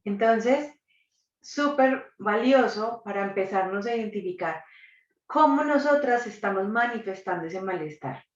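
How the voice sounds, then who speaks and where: A woman's voice: medium pitch, lively intonation, unhurried. Woman, distant roomy lo-fi audio. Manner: reflective, asks the audience questions. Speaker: psychologist and doula. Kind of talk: live online workshop talk. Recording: distant, dull, roomy recording.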